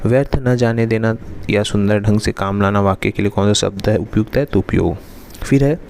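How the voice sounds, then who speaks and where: Low-voiced man drilling exam answers. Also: fairly quick, gravelly, slight background noise. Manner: repeats "remember" and "then next" in a steady drilling rhythm. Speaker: exam-prep teacher. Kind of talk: walking through exam questions.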